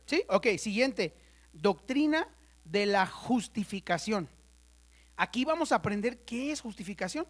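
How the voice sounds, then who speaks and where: A woman teaching a church Bible study class, chatty and playful, constantly checking in with her students and spelling out terms slowly for the ones taking notes. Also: medium pitch, expressive. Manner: conversational, checks in with the class often.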